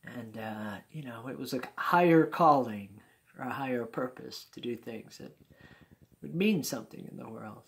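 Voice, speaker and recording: Gravelly old guy in his 60s telling a story, folksy and chuckly. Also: mid-range voice, moderate pace. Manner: folksy, chuckling, warm-hearted asides.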